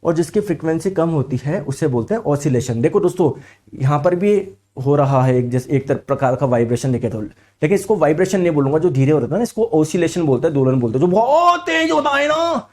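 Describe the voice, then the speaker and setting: A male teacher with a sore throat, giving an animated lecture. He keeps asking his students questions and then answers in their voice. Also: fairly high pitch, fast talker. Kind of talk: lively classroom lecture.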